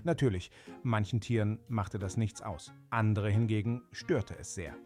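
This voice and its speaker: A man narrating a children's animal fable in a gentle, unhurried way with small fillers. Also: on the low side, soft background music. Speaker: storyteller.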